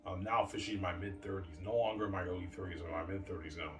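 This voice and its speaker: Man, 30s, deep and rambling home vlogger, swears a lot, distant mic in a boomy room with background noise. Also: fairly even intonation, very fast, reverberant. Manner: meandering, casual, swears, argues with absent people. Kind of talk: late-night rambling monologue. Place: room at home, family upstairs.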